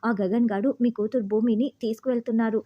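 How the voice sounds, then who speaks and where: A woman's voice: fairly high pitch, fairly even intonation, quick pace, muffled recording, natural voice. A woman voicing a scheming man who goads another into anger. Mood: goading.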